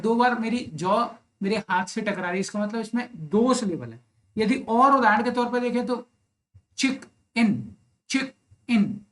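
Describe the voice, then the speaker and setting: A man teaching an exam-prep literature lesson online, explaining step by step, often checking in with the listener, and reading English verse lines very slowly. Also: high voice, fairly bright tone. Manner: explains step by step with frequent "right?" tag questions.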